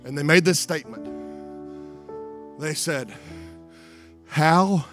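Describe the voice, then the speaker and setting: A male preacher delivers a revival sermon in a fairly high voice. His phrasing is dramatic and rhetorical, with repeated lines aimed straight at the congregation. Faint music plays behind him. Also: lively intonation. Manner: dramatic, building from hushed, drawn-out phrases to high, sing-song cries; rhetorical repetition and direct address to congregation.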